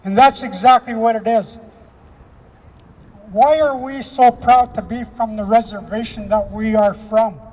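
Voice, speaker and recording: A man from Canada delivering an impassioned speech at an outdoor rally, emphatic and repetitive, slowing down to stress key phrases. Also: high voice, steady tone, a little mellow, big-room sound. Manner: emphatic, repetitive, with slow weighty pauses. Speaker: rally speaker.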